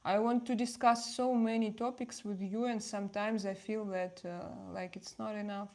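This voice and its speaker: This woman, from Russia and speaking with a Russian accent, casually hosts a livestream and responds to viewers in faltering English full of repeated phrases. Her mid-range voice is steady and warm.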